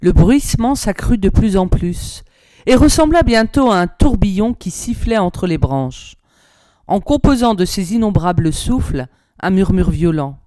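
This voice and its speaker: A woman reading an old storybook aloud in a measured, expressive way. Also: mid-range voice, no echo, clean studio sound. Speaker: narrator, reader.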